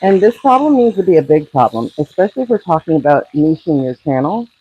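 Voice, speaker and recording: A woman with a husky morning voice chats casually to her viewers while cooking, giving business coaching and calling them y'all. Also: low-pitched, big pitch swings, fast, dark tone, highs cut off. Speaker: brand coach. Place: home kitchen, cooking.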